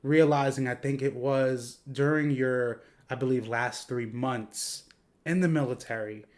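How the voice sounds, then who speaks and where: A man's voice: medium pitch, fairly even intonation, unhurried. A man hosting a podcast interview, rambling through long questions full of fillers. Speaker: podcast host.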